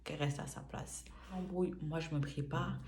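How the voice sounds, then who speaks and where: A woman's voice: deep voice, normal speed, a little hiss or hum. A young woman from France telling a personal story to camera in a casual, slangy way, acting out the dialogue. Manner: lively, slangy, acts out dialogue. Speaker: vlogger.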